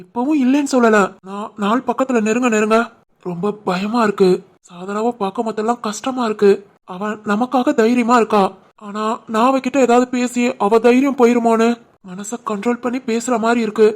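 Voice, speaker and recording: A woman voicing a young husband and shopkeeper, teasing but caring, with a Tirunelveli Tamil accent in an animated family story. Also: a little high, fairly quick, close to an everyday voice. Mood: worried. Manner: teasing banter, turns soft and worried.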